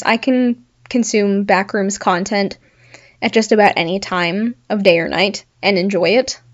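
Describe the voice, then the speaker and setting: Young woman rambling casually on her solo show, mid pitch, kinda muffled home mic. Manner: chatty, laughs at her own examples. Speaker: podcast host.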